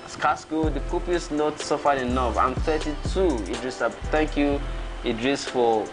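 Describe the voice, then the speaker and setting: Music plays in the background as this Nigerian man in his thirties runs a relaxed livestream, chuckling and reacting while he reads out viewer comments. He speaks at a measured pace in a slightly high voice.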